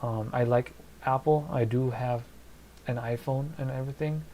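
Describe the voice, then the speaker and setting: A man in his thirties from Germany, with a German and Polish accent, chats casually on a live stream from his desk in a small home studio, answering chat and thinking aloud with lots of fillers. His mid-range voice is warm and steady, at a normal speed. The audio is poor, with slight background noise.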